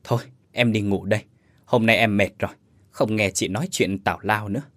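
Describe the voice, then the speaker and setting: A man's voice: fairly low pitch, fairly even intonation, brisk, fairly bright tone, dry recording, close to an everyday voice. Hậu, a scoffing younger sister, voiced by a man. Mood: dismissive. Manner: dismissive, scoffing. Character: skeptical tired younger sister, dismissive.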